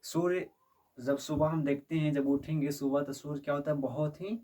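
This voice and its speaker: A man lectures on physics at a normal speed, his fairly high voice dark in tone and steady. Again and again he questions his students to check their understanding, and his voice comes from a distance.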